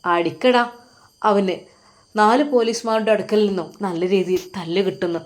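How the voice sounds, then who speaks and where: A woman storyteller narrating a dramatic tale. Her delivery is emphatic, with a middle pitch and sudden raised exclamations. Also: fairly quick.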